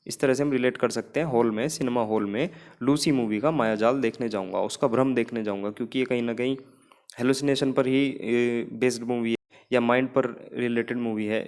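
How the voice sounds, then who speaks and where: A man's voice: mid-range voice, darkish tone. Indian man teaching vocabulary tricks. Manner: explains memory tricks, repeats phrases, frequent "theek hai". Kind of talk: exam-prep vocabulary lesson.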